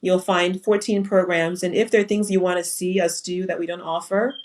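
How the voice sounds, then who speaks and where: A woman talks in a low, even register over a video call. She sounds earnest and reflective as a panel guest, often pausing with fillers. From Liberia. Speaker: foundation founder and panel guest. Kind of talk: casual panel talk on a live webinar.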